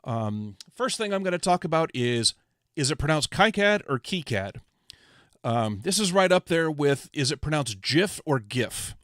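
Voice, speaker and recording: A man hosting a casual livestream, teaching software in a rambling, chatty way with lots of fillers. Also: on the high side, lively intonation, normal speed, no echo, studio quality. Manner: rambling, self-correcting, chatty with frequent fillers. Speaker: livestream host teaching electronics design software.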